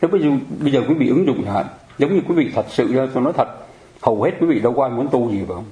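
Mellow-voiced man giving a Buddhist sermon. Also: mid-range voice, lively intonation, racing. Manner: conversational, keeps asking the audience rhetorical questions. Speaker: Buddhist teacher. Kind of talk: dharma talk sermon. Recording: roomy echo.

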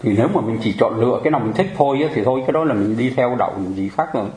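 A man's voice: medium pitch, racing, a little mellow. A man giving a Buddhist dharma talk in a conversational way, often putting rhetorical questions to his listeners. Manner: conversational, keeps asking the audience rhetorical questions. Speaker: Buddhist teacher. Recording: roomy echo.

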